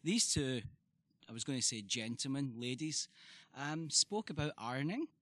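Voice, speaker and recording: A man's voice: medium pitch, big pitch swings, moderate pace, a bit bright. A man co-hosting a casual podcast, joking and cutting in on the others. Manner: joking, interrupting.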